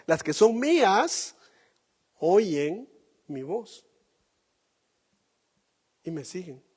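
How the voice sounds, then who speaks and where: Slow, animated Spanish-speaking pastor preaching. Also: male voice, high voice, husky, big-room sound. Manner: slow, emphatic preaching with rhetorical questions. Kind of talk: sermon.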